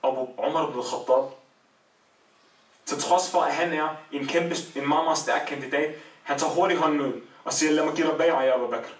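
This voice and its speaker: A man's voice: a little high, steady tone. A man telling a religious story as a sermon, with emotional rises and falls in emphasis. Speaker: preacher. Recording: echoey room, voice from far off.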